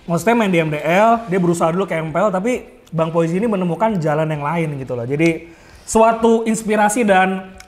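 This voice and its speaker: A man's voice: high-pitched, fairly quick. A young man with hosting a mukbang, chatty and promotional as he talks to his audience and his guest. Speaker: mukbang host. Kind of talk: casual chat while eating.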